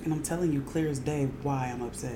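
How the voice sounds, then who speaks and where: Very low-voiced sarcastic woman. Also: fairly even intonation, quick pace, mellow, a little hiss or hum. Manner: sarcastic quips, acts out quotes. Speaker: podcast co-host. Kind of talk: casual chat.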